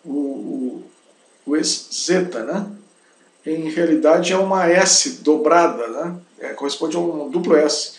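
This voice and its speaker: A man's voice: fairly high pitch, slow pace. A man teaching a language lesson, saying each word several times and checking in with little tag questions. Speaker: German teacher. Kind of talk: slow spoken language lesson. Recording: roomy echo.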